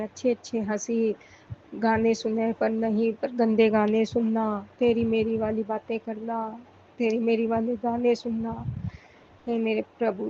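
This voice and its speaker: A woman's voice: on the high side, dark tone, highs cut off, slight background noise. A woman pleading emotionally in a prayerful monologue to her spiritual guide, repeating thanks and pouring out her troubles. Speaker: devotee sharing a personal prayer. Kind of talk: devotional monologue.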